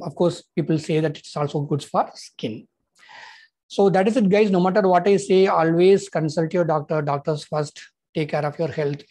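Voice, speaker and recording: Recorded on a lapel mic, this man in his thirties from Tamil Nadu, India, works as a health insurance consultant and vlogs to camera in English, though Tamil is his native language. He speaks Indian English with a Tamil accent, and his voice is a little high, a little mellow, and slightly husky and breathy. His friendly, halting explanations are peppered with "uh" and "you know."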